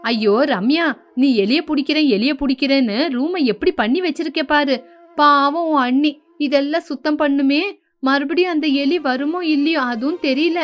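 A woman voicing a domineering older mother-in-law in an animated story, scolding and bossy. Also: sits high, moderate pace, lightly acted. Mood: mock-sweet.

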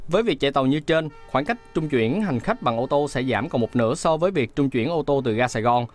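A man reading a scripted news voice-over in a steady, measured way. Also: mid-range voice. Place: studio booth.

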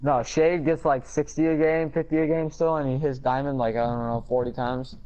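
A man's voice: a little high, steady tone, a little fast, mellow, muffled recording. A man bantering with a friend in party chat, teasing and exasperated. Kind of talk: casual banter. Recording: game noise behind the voice.

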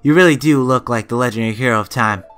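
A man reading game dialogue aloud as a mysterious young male warrior. He keeps his own mid-pitched voice but makes it a little lighter and softer, and delivers the lines in a calm, solemn way. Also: quick pace, clear, resonant tone, soft background music, lightly acted.

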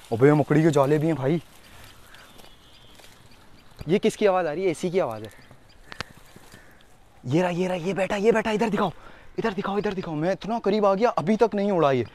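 A man filming a casual vlog outdoors in thorny scrubland, talking excitedly to the camera and dropping to a hush as he creeps closer. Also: a little high. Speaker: vlogger. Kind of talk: casual vlog narration while searching.

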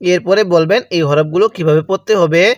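Speaking fairly quickly in a slightly high voice, a man is heard with clean studio sound and no room sound. It's a slow recitation lesson in Arabic letter reading, where he drills syllables one by one with a Bangladeshi Bengali accent, repeating each for the learner.

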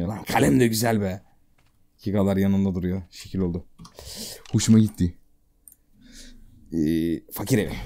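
A man giving casual, excitable gameplay commentary, full of slang and talking straight to the game creatures. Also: lowish voice. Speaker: gamer streaming a survival game.

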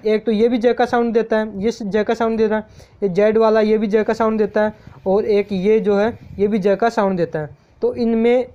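A man teaches a lesson in a warm, mellow voice and explains each point step by step. He patiently repeats every example word slowly. The recording is dull and lo-fi. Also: high voice.

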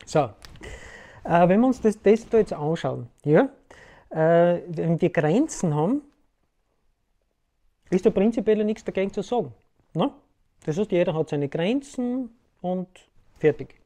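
In casual talk to camera, a self-help host with a high, dark-toned, expressive voice speaks unhurriedly and pauses often. He explains ideas in a loose, rambling style, frequently asking "ja?" to check in with the listener.

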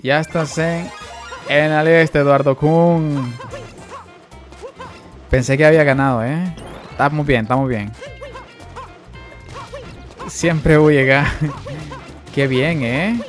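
A young man with a Mexican Spanish accent talks through a live game stream, his voice sitting a touch high. He chats easily, greets his viewers and breaks into excitable exclamations. Game music plays faintly behind him. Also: takes it slowly, long pauses. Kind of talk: live gameplay commentary.

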